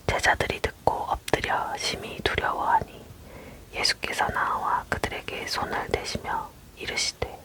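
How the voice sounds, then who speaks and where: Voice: unhurried, poor audio. A person leaning in close to whisper an ASMR scripture reading, entirely unvoiced and near the microphone. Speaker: Bible reader.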